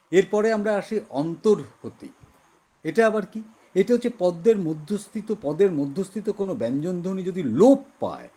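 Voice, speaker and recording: A man's voice: high-pitched, a little mellow, breathy edge. A male teacher giving an exam-prep lesson in a West Bengal Bengali accent, explaining patiently and repeating example words to show how they are said.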